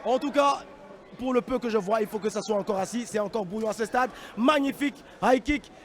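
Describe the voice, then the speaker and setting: A man giving live combat sports commentary in an excitable, exclamatory manner. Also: high-pitched, fairly quick. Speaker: fight commentator.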